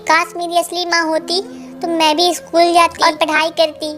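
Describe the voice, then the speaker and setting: A woman's voice: very high-pitched, completely flat delivery, moderate pace, fairly bright tone, faint music behind. A woman voicing a sad, overworked little girl bird who pleads with her elders. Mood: pleading. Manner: pleading, tearful.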